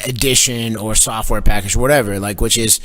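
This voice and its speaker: A man's voice: lowish voice, fairly even intonation, a little fast, a bit bright. Rambling joking man. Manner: rambling, joking, laughs often. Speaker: podcast co-host. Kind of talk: casual tech chat.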